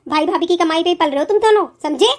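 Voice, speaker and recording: A woman's voice: extremely high pitch, fast. A woman voicing a harsh, domineering mother-in-law in a cartoon, scolding and threatening. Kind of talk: cartoon voice acting.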